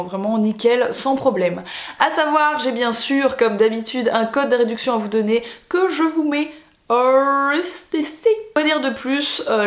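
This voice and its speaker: A young woman from Belgium chatting casually to camera in a vlog, with lots of fillers and restarts. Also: a little high. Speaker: vlogger. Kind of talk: casual sponsored vlog chat. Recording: echoey room.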